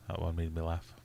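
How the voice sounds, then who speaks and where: Deep-voiced Scottish man chatting on a stream. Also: creaky, darkish tone, slight background noise. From Scotland. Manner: chatty, laughs often, reads chat aloud. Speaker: livestream host. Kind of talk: casual livestream chat reading comments.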